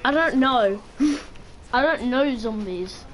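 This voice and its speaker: Slow-talking high-voiced gamer woman. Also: lively intonation, a little hiss or hum. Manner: chatty, joking, talks to self while playing. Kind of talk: casual gameplay commentary.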